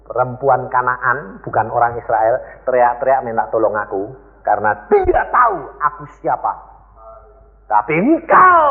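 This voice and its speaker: A man's voice: mid-range voice, voice pushed down, lightly acted. A preacher voicing Jesus as a stern man rebuking his followers, in an emphatic preaching cadence. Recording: echoey hall, thin phone-like sound.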